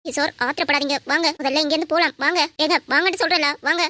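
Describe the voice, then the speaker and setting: A woman's voice: sits high, fairly even intonation, very fast, bright, forceful tone, dry recording, clean studio sound. A woman voicing a caring young woman in love, pleading with him and scolding him playfully in an amateur audio drama.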